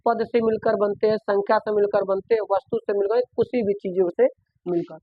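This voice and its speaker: A man's voice: sits high, steady tone, brisk. A man teaching a school math lesson, asking questions and answering them himself, repeating points often. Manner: repetitive, asks and answers his own questions. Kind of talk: classroom lesson. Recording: dull, dry lo-fi recording.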